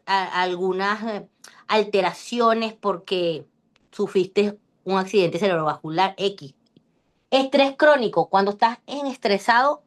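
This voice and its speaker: A woman giving a lively, chatty online class over a video call and joking with her students. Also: medium pitch. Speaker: class instructor. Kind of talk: online lecture.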